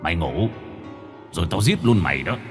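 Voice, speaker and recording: A cold, menacing drowned ghost, voiced by a male narrator, muttering low and hissing out of the dark. The voice sits deep and quiet and sounds slightly distant in a spoken ghost story. Soft music runs faintly underneath. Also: expressive, normal speed. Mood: eerie hungry.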